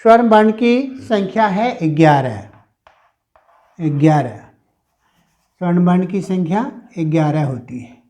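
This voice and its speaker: A man's voice: sits high, expressive, warm tone. A male teacher explaining grammar in a classroom lesson, repeating himself and stretching out sounds as he demonstrates them. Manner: slow, repetitive explaining, stretching sounds aloud.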